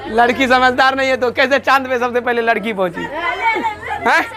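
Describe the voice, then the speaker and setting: A man's voice: very high voice, fast talker, crowd noise, noisy background. A man teaching a class, drilling lists by call-and-response and joking with students. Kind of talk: classroom lecture with memory tricks.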